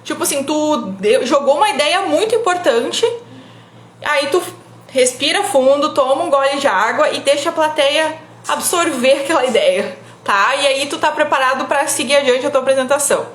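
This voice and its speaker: A woman's voice: high-pitched, normal speed, fairly bright tone, reverberant, slight background noise. A young woman from giving casual public speaking advice on a live stream, chatty and full of "tá?" tag questions. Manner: chatty, frequent "tá?" tag questions, laughs often.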